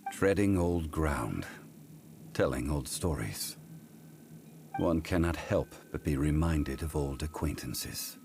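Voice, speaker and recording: A man voicing a calm, ancient god living as a dignified gentleman scholar in a video game, speaking in a measured, formal way. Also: extremely low pitch, gravelly, background noise, heavily acted. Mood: calm, reflective. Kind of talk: English video game voice acting.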